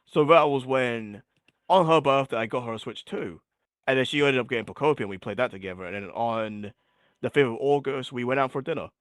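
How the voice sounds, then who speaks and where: A man's voice: mid-range voice, fairly quick, fairly bright tone, no room sound, clean studio sound. A man as an interview guest, chatting casually and rambling with lots of filler words, his voice getting worn. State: losing his voice. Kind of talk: casual chat.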